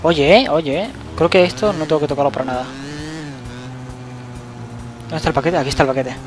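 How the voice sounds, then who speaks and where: A young man, giving loose, excitable let's-play commentary and swearing at the game. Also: on the high side, a little fast, background noise. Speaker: gaming channel host.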